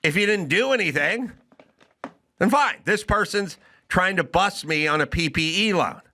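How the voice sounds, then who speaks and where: A middle-aged man with a bright, forceful voice pitched a little high holds forth on a podcast. He argues in a comedic rant and plays out both sides of imagined back-and-forths. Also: lively intonation, normal speed. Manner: argumentative, acts out both sides of imagined exchanges. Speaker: podcast host.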